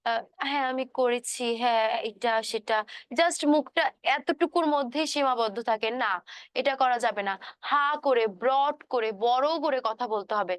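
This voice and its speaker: Woman, music teacher in an online class; high voice, dry close sound, patient explaining, sings the scale notes. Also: fairly bright tone, no room sound.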